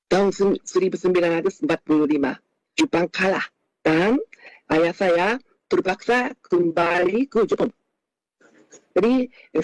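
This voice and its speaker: A Japanese man with a Japanese accent giving an unscripted talk in Indonesian as a foreign speaker, halting often with hesitation sounds. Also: high voice, no echo, poor audio. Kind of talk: unscripted lecture with personal anecdotes.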